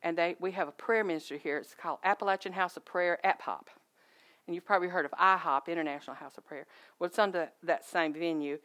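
A middle-aged woman giving a personal testimony at a church, telling stories in a lively way and acting out the voices of people she quotes. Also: lowish voice, fast talker. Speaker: guest speaker at a church.

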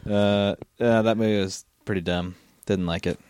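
A man co-hosting a podcast in casual, joking chat, blunt and quick to laugh. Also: fairly low pitch, fairly even intonation, darkish tone, clear, resonant tone, no room sound, clean studio sound. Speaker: podcast co-host.

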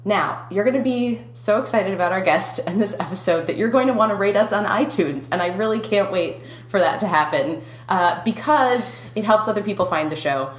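A woman's voice: mid-range voice, expressive, fairly quick, few pauses, roomy sound. A young woman with a Minnesotan accent hosting a podcast, chatting casually and laughing often. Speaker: podcast host.

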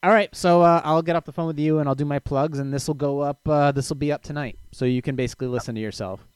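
A man's voice: on the high side, steady tone, quick pace, clean tone, dry recording. A man hosting a podcast in a casual, chatty style, close on the microphone. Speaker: podcast host. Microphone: close studio microphone.

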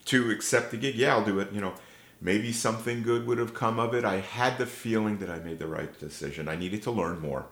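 A man, an interview guest and bass player, telling rambling, emotional anecdotes. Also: fairly quick, fairly bright tone. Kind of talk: storytelling interview. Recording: echoey room.

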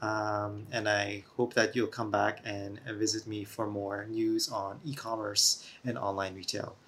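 A man's voice: fairly low pitch, flat delivery, a little slow, a bit bright, slight background noise. A man hosting a solo podcast, explaining steadily in an earnest, lecturing way, recorded on a camera-mounted mic that makes him sound echoey, as if through a tunnel, with some feedback. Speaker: podcast host.

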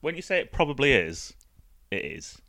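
A man's voice: medium pitch, very animated, moderate pace, pushed and bright, no echo. A man co-hosting a podcast, throwing in dry, teasing remarks. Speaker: podcast co-host. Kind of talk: casual chat.

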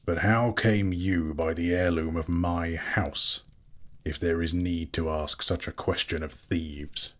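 A proud dwarf king, acted by a male storybook reader, deep and gruff. He declaims slowly, with bitter scorn and an imperious temper, as in a dramatic fantasy tale. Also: fairly even intonation. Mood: suspicious, haughty.

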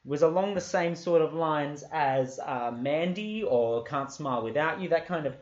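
A man co-hosting a comedy podcast, telling an improvised story in a deadpan, playful manner. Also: on the high side, moderate pace. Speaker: podcast co-host. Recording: echoey room, lo-fi.

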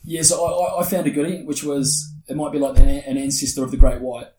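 A man's voice: mid-range voice, fairly even intonation, fast talker, a little mellow, soft background music. A man with a broad New Zealand accent chatting casually in a laid-back, slangy, matey way. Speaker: interview guest, spear fisherman and underwater cameraman. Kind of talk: casual chat. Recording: roomy echo, faint noise, clicks.

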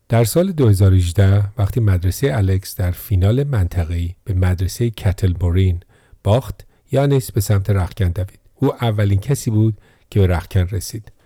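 A man tells a sports story in a steady, scripted narration. His voice sits on the low side and sounds very dark and mellow. The recording is dry and close. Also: no room sound.

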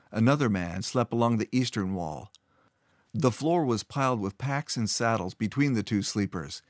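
A man narrating a fantasy story in a steady, measured way. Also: lowish voice, dry recording, clean studio sound.

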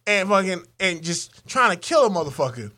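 A man cohosting a podcast, telling raunchy stories in a profane, animated way and acting out voices. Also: sits high, fairly quick. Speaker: podcast co-host. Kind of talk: raunchy comedic banter.

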